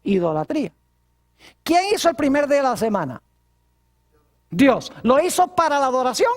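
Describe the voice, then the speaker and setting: A man's voice: extremely high pitch, big pitch swings, normal speed. A man preaching a sermon as pastor, asking his congregation rhetorical questions.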